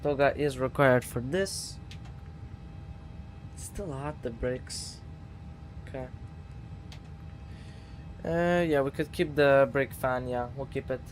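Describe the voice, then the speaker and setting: A man's voice: medium pitch, takes it slowly, long pauses, a little hiss or hum. A man streaming a flight simulator, casually thinking aloud and muttering to himself as he works through procedures.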